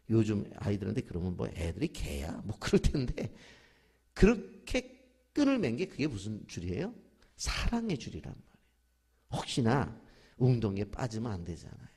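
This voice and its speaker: Male pastor, middle-aged, husky lively sermon delivery with call-and-response. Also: medium pitch. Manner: preaching with call-and-response to the congregation; acts out quoted voices of children and parents. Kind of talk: dawn prayer sermon.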